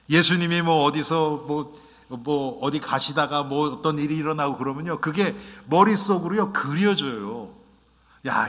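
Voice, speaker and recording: A male pastor preaching a sermon, animated and questioning, often speaking straight to the congregation and acting out quotes. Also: on the high side. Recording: long reverb of a church hall.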